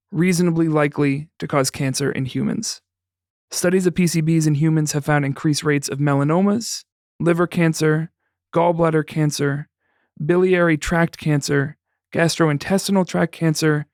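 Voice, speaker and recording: A man's voice: a little high, a little mellow, no room sound. Man reading a scripted report, dry close mic. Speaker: podcast co-host. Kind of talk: scripted narration.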